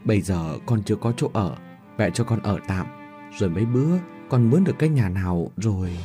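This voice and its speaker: A man's voice: fairly low pitch, animated, fairly quick, dark tone, soft background music, lightly acted. A man voicing a humble young mother who pleads with her parents in a deferential way. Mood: pleading.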